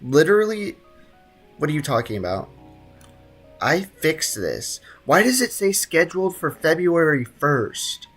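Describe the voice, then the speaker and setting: This young streamer's voice is on the high side and a bit bright, swinging widely in pitch while staying unhurried. He chats casually with his audience as he plays a video game, greeting the chat and talking to himself over faint game music.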